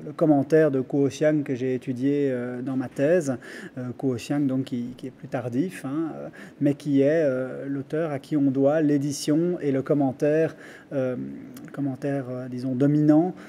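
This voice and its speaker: Belgian French man, 30s, academic guest; very mellow tone, careful and halting delivery, faint background hiss. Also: mid-range voice, fairly even intonation. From Brussels, Belgium. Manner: careful, measured explaining with frequent pauses and restarts. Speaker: guest researcher. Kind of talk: academic interview.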